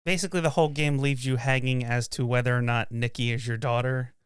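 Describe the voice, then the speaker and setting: A man's voice: mid-range voice, steady tone, fast, smooth, no echo, clean studio sound. A man co-hosting a podcast in casual chat, matter-of-fact and knowledgeable. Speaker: podcast co-host.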